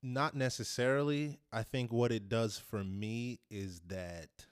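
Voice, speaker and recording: A young man, a rapper and producer, answering interview questions in a relaxed, rambling way with restarts. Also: medium pitch, unhurried, clean tone, no echo, clean studio sound.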